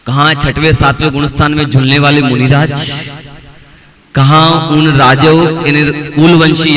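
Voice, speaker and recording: A man giving a religious discourse as a pandit, preaching in a conversational way that often repeats phrases and addresses listeners by name. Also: a little high. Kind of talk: sermon. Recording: noisy crowd in the background.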